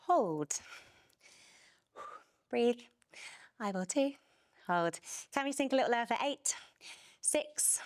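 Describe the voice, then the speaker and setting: A young woman instructor calls out reps and cues in a fairly high, bright-sounding voice, a bit winded as she works through the moves herself. The sound is dry and close, with no room echo. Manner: energetic counting and cueing. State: out of breath. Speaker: fitness instructor. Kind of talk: workout class cueing.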